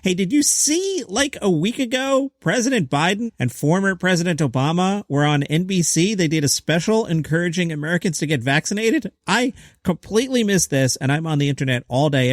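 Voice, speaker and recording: Dry-sounding, higher-pitched man reading comedy news. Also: no echo. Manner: wry, chatty, with rhetorical questions and muttered asides. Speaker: host of a daily comedy news show. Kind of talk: scripted comedy news commentary, reading quotes aloud.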